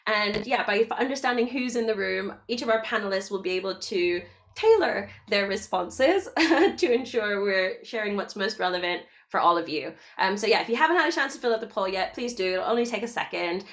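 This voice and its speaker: A woman's voice: mid-range voice, animated, a little fast, fairly bright tone. A young adult woman moderating an online panel over a video call, upbeat and chatty, often laughing. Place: home room, indoors.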